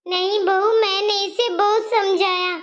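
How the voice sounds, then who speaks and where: A woman's voice: very high-pitched, fairly even intonation, unhurried, dull audio. A woman voicing a kindly, worried middle-aged mother in a cartoon story. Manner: gentle, regretful, pleading.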